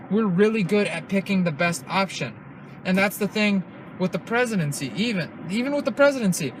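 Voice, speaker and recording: A man's voice: sits high, slight background noise, low-quality recording. A young man hosting a podcast in casual chat, rambling and cursing with many restarts. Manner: rambling, profane, restarts often. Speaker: podcast host.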